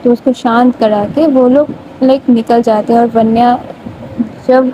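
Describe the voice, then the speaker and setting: A woman's voice: fairly high pitch, fairly even intonation, dark tone. A young woman retelling a love story in a loose, chatty way, full of casual fillers. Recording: dull lo-fi audio with faint noise.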